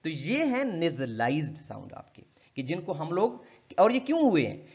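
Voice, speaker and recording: A man gives a linguistics lecture, his voice sitting a little high. He walks through each point step by step and repeats example words slowly. The recording sounds dull and lo-fi. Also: huge pitch swings, a little mellow, breathy edge. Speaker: linguistics teacher. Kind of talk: explanatory lecture.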